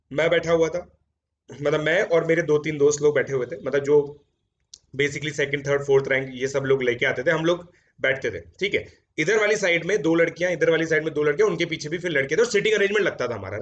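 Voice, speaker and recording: A man's voice: on the high side, a bit bright. A man in his thirties, a coaching educator, telling a story from his student days to his students in a chatty Hindi-English mix, recorded in a home studio. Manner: chatty Hindi-English mix, frequent "theek hai" fillers. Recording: dull lo-fi sound.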